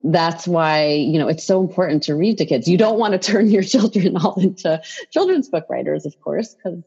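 A woman's voice: fairly low pitch, moderate pace, warm tone, husky, dull audio. A woman who writes children's picture books, chatting in an interview with lots of fillers and restarts. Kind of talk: casual interview conversation.

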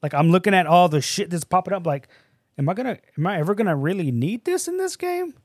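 Man, slightly high voice, frat-bro slang, blunt profanity, dry close sound, casual gaming podcast chat. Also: very animated, fast, no room sound. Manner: frat-bro slang, calls people bro and dude. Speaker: podcast co-host.

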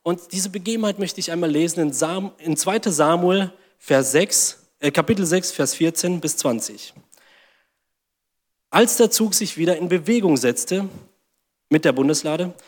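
A man's voice: on the high side, long reverb tail. A man preaching a sermon, reading scripture aloud and acting out mocking inner voices.

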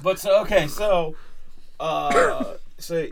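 A man's voice: on the high side, slow pace, gravelly, noisy background. A man co-hosting a casual chat, teasing his friend and steering the talk with questions. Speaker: podcast co-host.

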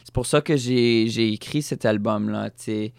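A man with a Fransaskois French accent chats as a podcast guest, often restarting his words and mixing in English phrases. His voice is smooth and resonant. The sound is dry and close on a studio mic. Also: fairly low pitch, normal speed, darkish tone, dry recording. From Saskatchewan, Canada. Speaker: guest musician. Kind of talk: casual podcast conversation.

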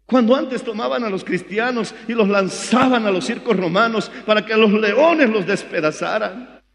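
A Bolivian man preaches a sermon with a high voice and a fervent delivery that swells into shouts. His voice carries through a large hall with a long, trailing echo. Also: normal speed, vocal fry. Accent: Bolivian Spanish. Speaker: pastor.

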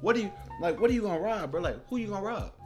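A man's voice: high voice, rapid-fire. A man co-hosting a casual podcast, telling a story with profanity, acting out quotes in voices and saying "bro" a lot. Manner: says "bro" often. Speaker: podcast co-host. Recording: music playing loud behind the talk.

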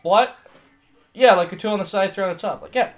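A young Southern-accented man co-hosts a podcast, casually telling stories in a high, fairly quick voice. He swears, laughs, and acts out his customers, with soft music playing in the background.

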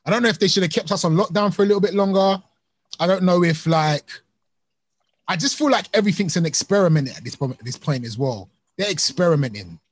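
A man's voice: sits high, animated, fast, slightly rough, dry recording. A man talking informally and emphatically in a casual discussion, often repeating his points.

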